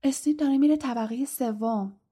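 A woman's voice: sits high, slightly rough. A woman voicing a brave, curious eleven-year-old schoolboy in a storybook reading, speaking urgently. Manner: urgent, sometimes hushed.

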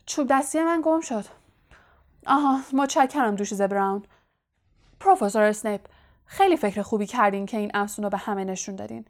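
Woman doing a boastful male wizard teacher, storybook voice, raised pitch, loud and showy, pleased with himself. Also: lightly acted. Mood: flustered bragging. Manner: showy, self-satisfied, grandly projected. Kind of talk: audiobook character voice.

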